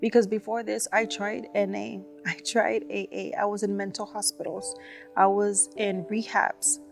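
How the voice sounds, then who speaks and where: A woman's voice: mid-range voice, little pitch movement, normal speed, gravelly, soft background music. A woman telling her personal faith testimony in an earnest storytelling way. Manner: earnest storytelling, frequent "you know". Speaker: testimony speaker.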